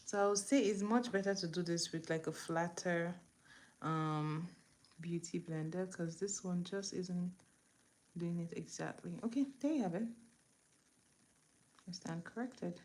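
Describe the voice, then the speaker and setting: A woman from eastern Nigeria hosts a makeup tutorial on a livestream, chatting casually with viewers and walking them through each step as she works. Her voice is lowish and darkish, a little slow, with long pauses. The recording is clear, with some room ambience in the background.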